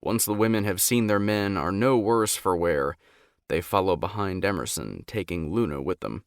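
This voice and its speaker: A male narrator reads a romance audiobook in the first person, with a steady, measured delivery. His voice sits somewhat low for a man. The recording is dry and close, with no room sound. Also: smooth, no echo.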